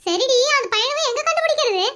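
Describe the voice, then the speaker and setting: A performer voicing a blunt, gossipy older village woman in an animated comedy, talking brusquely and scolding. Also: very high-pitched, fairly quick, exaggerated voice.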